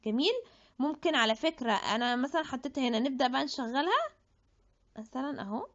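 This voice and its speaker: In this screen-recorded app tutorial, a presenter with an Egyptian Arabic accent talks fast in a high voice with lively intonation. The dull lo-fi recording catches her chatty style as she thinks aloud and restarts her words.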